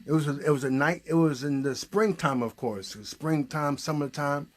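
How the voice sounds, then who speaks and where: Speaking at an ordinary pace in a slightly high voice, this male puppeteer runs an improvised show. He keeps the tale moving by asking chatty questions.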